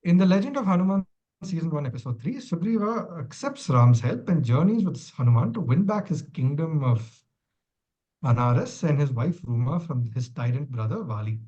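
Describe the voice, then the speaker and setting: A man's voice: a little high, warm tone, muffled recording. A man acting as quizmaster, reading long questions and adding dry, wry asides.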